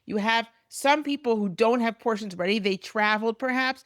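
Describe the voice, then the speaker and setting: A woman's voice: a little high, normal speed, dry recording. Woman teaching Bible text, dry sound. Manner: reads Hebrew verses aloud, then translates and explains. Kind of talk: recorded lecture.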